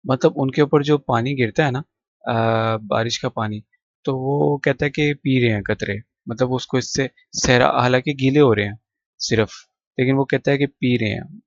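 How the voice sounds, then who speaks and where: A man's voice: mid-range voice, no echo, dull audio. Patient male teacher, dry sound. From Pakistan. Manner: patient, repeats words slowly, lists synonyms one by one. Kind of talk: classroom explanation of a textbook poem.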